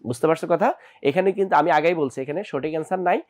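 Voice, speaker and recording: Bangladeshi male tutor, slightly high voice. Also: rapid-fire, a little mellow. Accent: Bangladeshi Bengali. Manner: explains step by step, often asks the students rhetorical check questions. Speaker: admission coaching teacher. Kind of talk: exam question walkthrough lesson.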